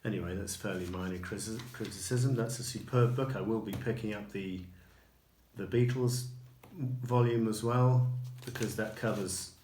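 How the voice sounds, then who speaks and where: A man with a low voice talks through his purchases in a casual review, unhurried and full of ums and small restarts. The recording sounds roomy and echoey, with a faint hiss underneath. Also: a little mellow. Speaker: record collector showing purchases. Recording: echoey room with faint noise.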